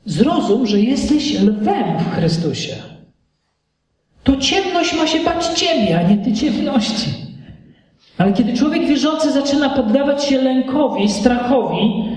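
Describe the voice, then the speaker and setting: A man preaching a sermon emphatically, with rhetorical questions and big swings in pitch. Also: very animated, measured pace, darkish tone. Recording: echoey hall from far off.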